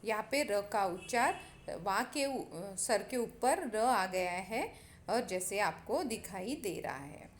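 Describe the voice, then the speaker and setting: A woman's voice: mid-range voice, lively intonation, slight background noise. A woman teacher giving a grammar lesson, spelling words out syllable by syllable and addressing her students directly. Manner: slow, spells out syllables one by one.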